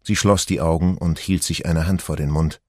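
Cast: male audiobook narrator, calm and even, low voice, dry booth sound. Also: normal speed, breathy edge, no room sound. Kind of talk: scripted narration.

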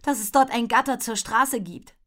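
A woman's voice: on the high side, normal speed, fairly bright tone, natural voice. A woman voicing a determined young girl rider, earnest and urgent.

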